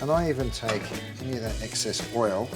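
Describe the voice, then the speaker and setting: A man's voice: medium pitch, brisk. Upbeat Australian man teaching a recipe. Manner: upbeat, instructive, effusive. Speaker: cooking show host. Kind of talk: cooking demonstration. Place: studio kitchen. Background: background music, sizzling pan.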